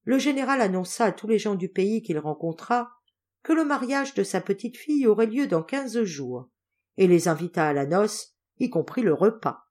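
A woman narrates a classic novel aloud at a medium pitch. Her telling is measured and clear. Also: expressive, a little mellow. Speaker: audiobook narrator.

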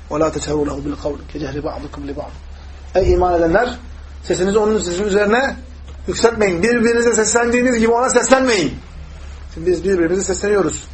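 A male religious teacher giving a hadith lesson, speaking quickly in a high voice. He tells the stories with animation and acts out the people he quotes. A faint hum of room noise sits behind him. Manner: lively storytelling, acting out quoted voices.

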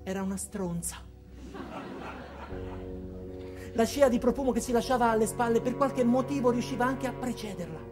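The high-pitched, natural voice belongs to an actor playing an earnest, insecure office man in a comic radio drama. He narrates his own story hesitantly, in a wistful, deadpan mood.

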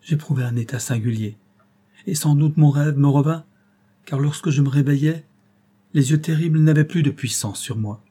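A man's voice: on the low side, fairly even intonation, brisk, few pauses, dark tone, breathy edge. A man reading aloud, voicing a young noblewoman who speaks in a breathless, exalted rush. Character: young noblewoman, entranced, fervent.

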